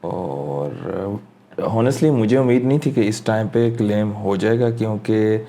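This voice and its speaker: Mellow-voiced man walking through a screen tutorial. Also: fairly low pitch, slow. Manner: casual, thinks aloud while clicking through steps; mixes English phrases into his speech. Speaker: crypto tutorial host. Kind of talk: screen-recorded walkthrough tutorial.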